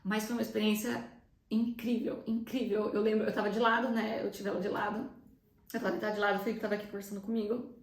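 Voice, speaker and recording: A young Brazilian woman with a Brazilian Portuguese accent tells viewers the story of her own birth in a chatty vlog, emotional and nearly in tears. She talks fast, often speaking straight to her audience, in a medium voice with little pitch movement. The room is echoey.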